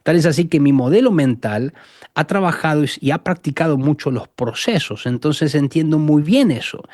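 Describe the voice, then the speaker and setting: Lively Argentine man, animated storyteller. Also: fairly high pitch, moderate pace, no echo, clean studio sound. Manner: animated storyteller, acts out quotes. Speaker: guest. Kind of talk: conversational interview.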